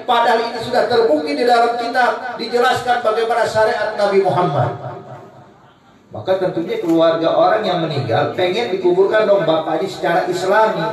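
A man's voice: sits high, far from the mic. A man from Indonesia preaching to a congregation, telling a humorous story and often addressing the listeners directly. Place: large hall with a live audience. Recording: echoey hall mic from afar with crowd.

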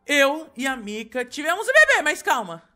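A young man with a Brazilian Portuguese accent hosting a playful Minecraft roleplay, animated and whiny. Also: extremely high pitch, moderate pace, faint music behind. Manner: animated, jumps between whining and joking.

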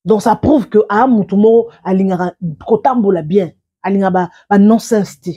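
A woman's voice: medium pitch, normal speed, mellow, husky, highs cut off. A woman giving casual, rambling commentary as a celebrity news vlogger, often repeating and restarting her words.

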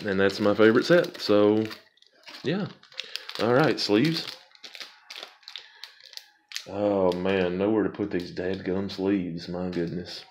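A man's voice: sits low, slight background noise. A man casually talking viewers through opening card packs, rambling and amused at himself. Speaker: card pack opening vlogger. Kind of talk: casual unboxing commentary.

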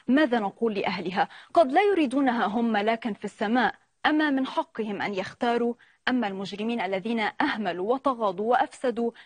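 A woman news reporter narrating a segment in a formal, measured reading tone. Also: a little high, dry recording.

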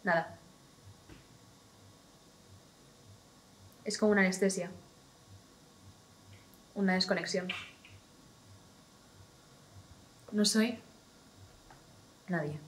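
A young actress playing a young woman who feels nothing, speaking in a quiet, detached monologue. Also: mid-range voice, steady tone, unhurried, lightly acted. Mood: numb, hollow. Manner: quiet, hushed and detached delivery. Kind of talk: theatrical monologue. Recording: voice from a distant mic.

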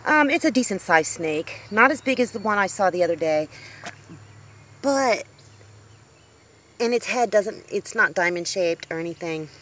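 A woman's voice: mid-range voice, lively intonation, moderate pace, long pauses, a bit bright. A woman in her fifties talking casually to a handheld phone camera outdoors on her homestead porch, rambling with lots of ums and restarts. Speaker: homestead vlogger. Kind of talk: casual vlog talk to camera. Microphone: handheld phone camera at arm's length.

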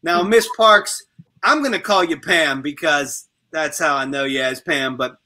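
Middle-aged male host, bright and high-pitched, loose joking chat. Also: a little slow. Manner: joking, rambling, with filler phrases. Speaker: talk show host. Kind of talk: casual panel chat.

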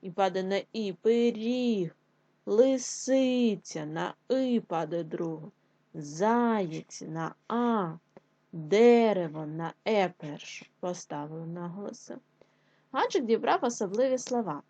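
A woman teaching a young children's class, sounding out syllables slowly and patiently. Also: mid-range voice, animated, dark tone, dry recording. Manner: slow, clearly spelled-out syllables, patient. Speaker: primary school teacher. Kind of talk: slow online lesson for young children. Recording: dull lo-fi sound.

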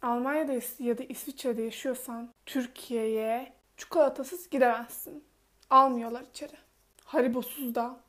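A woman's voice: a little high, fairly even intonation, moderate pace, a bit bright. A woman in her twenties chatting casually in a phone video, wearing wired earphones. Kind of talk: casual selfie chat.

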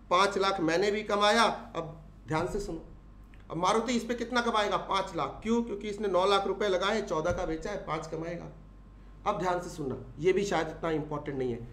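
A man's voice: high voice, fairly bright tone, reverberant. A male teacher with an Indian English accent, giving a classroom lecture, asking the students questions and repeating the key points.

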